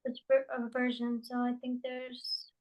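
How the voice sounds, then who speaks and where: A woman with a fairly high voice helps run an online question-and-answer session. She relays participants' questions briskly and supportively over a video call. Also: monotone, lo-fi sound. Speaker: co-host reading out questions. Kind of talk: casual online discussion.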